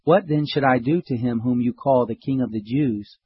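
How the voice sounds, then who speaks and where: A man's voice: medium pitch, normal speed, muffled recording, slight background noise, close to an everyday voice. Pilate, a man reading as a stern Roman governor. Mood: questioning.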